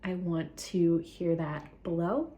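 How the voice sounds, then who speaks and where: A woman's voice: fairly low pitch, takes it slowly, dark tone. A young woman, a therapist hosting her own channel, talking in a chatty, earnest vlog, a little out of breath. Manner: chatty, earnest, filler-heavy. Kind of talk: casual talking-head vlog.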